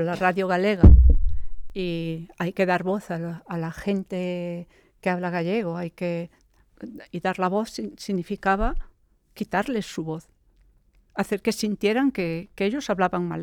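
A woman's voice: fairly low pitch, darkish tone, no room sound, studio quality. A woman from Galicia, a poet being interviewed, talking thoughtfully and digressively with frequent tag questions. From Galicia, Spain. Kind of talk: reflective interview talk.

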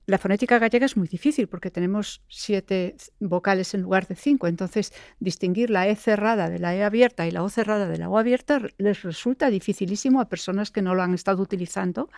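Middle-aged woman, poet; reflective, halting interview talk, mid pitch, close dry recording. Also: darkish tone, no room sound. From Galicia. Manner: thoughtful, pauses with fillers and restarts.

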